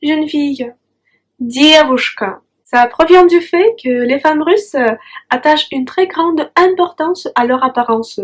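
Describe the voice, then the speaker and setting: A woman's voice: sits high, measured pace. A young woman with a Russian accent teaching a language lesson, patient and careful, drawing out each Russian word.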